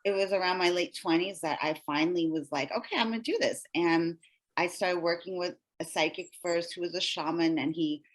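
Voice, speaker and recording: A woman's voice: fairly low pitch, steady tone, normal speed, poor audio. A woman talking as a podcast guest, telling a personal story in a rambling way, with many "like" and "you know" fillers. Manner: rambling, full of likes and you-knows. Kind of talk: casual storytelling interview.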